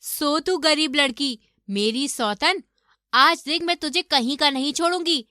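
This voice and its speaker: A spiteful, scheming young wife in a cartoon story, put on by a woman. She talks slyly in a high, very bright voice that sounds dry and close. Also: unhurried, no room sound. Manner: sly, spiteful. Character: scheming greedy young elder daughter-in-law.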